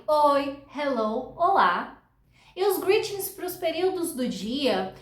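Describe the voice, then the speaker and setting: An upbeat Brazilian woman teaches English online, her first language Portuguese showing in her accent. Her voice sits high, and she models short English phrases slowly for learners to repeat. The sound carries a noticeable room echo. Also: a bit bright.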